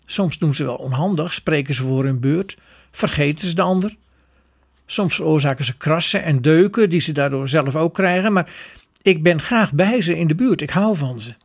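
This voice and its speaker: A man voicing Love, a quiet, wise female figure in a storybook tale, speaking softly and slowly. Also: fairly high pitch. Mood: tender. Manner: soft, slow, reflective.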